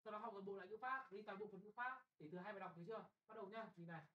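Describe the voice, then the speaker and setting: A young man tutoring a class for an exam, brisk and bossy, often checking whether students follow and scolding them bluntly. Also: high voice, fairly even intonation, dull audio. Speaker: English tutor.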